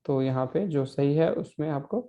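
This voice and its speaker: A man's voice: on the high side, gravelly, mellow. Patient man teaching a class. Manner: patient, repeats and explains slowly with many fillers. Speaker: Portuguese language teacher. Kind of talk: online class lecture.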